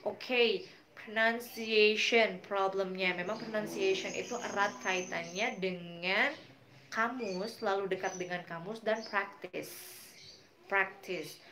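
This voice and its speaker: A woman's voice: medium pitch, steady tone, takes it slowly, background noise. A woman English teacher with an Indonesian accent, explaining grammar and pronunciation in an online class and patiently repeating English example words.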